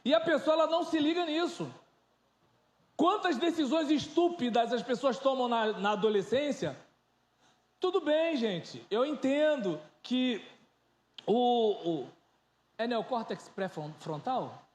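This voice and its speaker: A man in his thirties preaching an informal, joking sermon, swinging between loud and soft. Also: extremely high pitch, lively intonation, unhurried, reverberant. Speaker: pastor.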